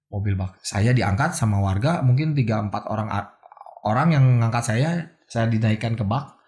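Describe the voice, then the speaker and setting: A man's voice: lowish voice, normal speed, a little mellow. A man earnestly telling the story of his stabbing as an interview guest, often addressing the host respectfully. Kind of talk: emotional personal testimony. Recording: roomy echo.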